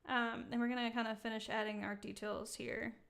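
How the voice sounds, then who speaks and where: Chatty woman with a slightly high voice. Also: level tone, fairly quick, gravelly, fairly bright tone. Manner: casual, chatty, many ums, laughs at herself. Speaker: software demo host. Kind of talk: live-streamed software tutorial. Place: indoor room.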